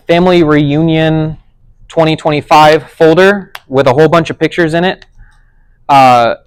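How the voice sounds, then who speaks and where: Smooth-voiced man teaching a tech class. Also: fairly high pitch, no echo, rough recording. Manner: conversational, checks understanding with frequent "does that make sense". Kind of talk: casual explanatory teaching.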